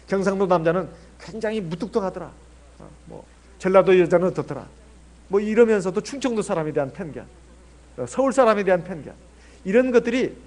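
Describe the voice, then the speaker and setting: High-voiced Korean pastor preaching. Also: male voice, darkish tone. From Jeolla, South Korea. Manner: conversational preaching with rhetorical questions. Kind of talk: sermon.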